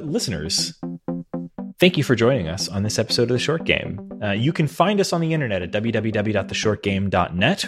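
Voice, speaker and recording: Casting: male podcast host, low voice with a lively lilt, loose chatty delivery. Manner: chatty, fills with "uh" and "like". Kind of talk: casual podcast chat.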